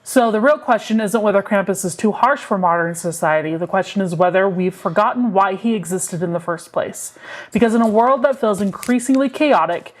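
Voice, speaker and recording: A woman co-hosting a podcast, reading a scripted folklore segment in a measured, solemn way. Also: medium pitch. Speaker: podcast co-host.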